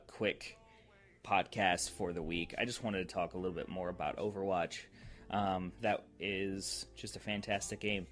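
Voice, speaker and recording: A man hosting his own podcast, giving a casual, rambling update with many ums and restarts. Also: lowish voice. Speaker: podcast host.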